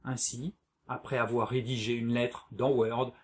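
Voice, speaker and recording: A man presenting a software tutorial as a screencast voice-over, explaining methodically step by step. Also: medium pitch, little pitch movement, a little slow, husky. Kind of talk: instructional screencast narration.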